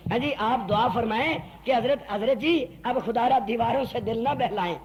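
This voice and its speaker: A man's voice: very high voice, lo-fi sound, a crowd in the background. A man with a Punjabi accent preaching a Friday sermon in a mosque, mixing folksy jokes with fiery appeals and sung verse. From Pakistan. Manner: fiery oratory that moves into sung verse and shouting.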